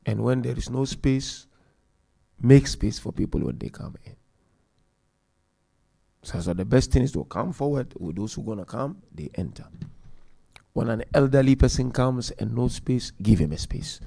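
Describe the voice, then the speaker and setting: At a Muharram majlis, a man delivers a religious lecture, listing numbered points and chanting Quran verses at a quick clip. He swings between loud emphasis and quiet asides. His voice is medium in pitch, animated, and creaky.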